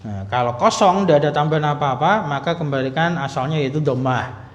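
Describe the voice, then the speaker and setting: A man's voice: on the high side, brisk. A man teaching an Arabic class in a mosque, explaining step by step and asking the class questions. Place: mosque hall. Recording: echoey hall, dull lo-fi sound.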